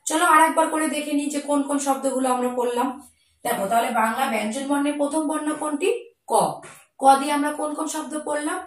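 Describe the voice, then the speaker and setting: A woman teaching young children, spelling out each word slowly and explaining it. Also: sits high, a bit bright, distant mic. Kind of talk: children's Bengali spelling lesson. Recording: echoey room, voice off-mic.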